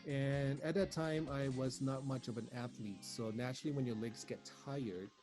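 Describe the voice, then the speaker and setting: A man from Singapore hosting a casual school talk show, chatty and relaxed, with plenty of uhs. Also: medium pitch, moderate pace, soft background music.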